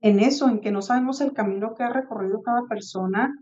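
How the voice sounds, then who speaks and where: Higher-voiced Mexican woman telling a story. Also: fast talker, muffled recording. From Tijuana, Mexico. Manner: reflective, animated anecdote-telling with acted-out quotes. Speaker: podcast co-host. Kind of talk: casual chat, storytelling.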